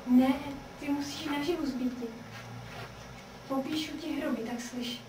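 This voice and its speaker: A high, trembling young woman in a prison cell, half out of her mind with grief, played by an actress, begging in stagey verse, heard through a roomy, distant mic with faint hiss. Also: fairly even intonation, a little mellow, close to an everyday voice. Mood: grieving. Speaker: actor in a radio play. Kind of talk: theatrical verse radio drama.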